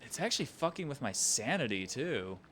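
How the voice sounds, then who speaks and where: A man's voice: medium pitch, sing-song, brisk, fairly bright tone, a little hiss or hum. A man giving casual let's-play commentary, muttering wry reactions as he plays a video game.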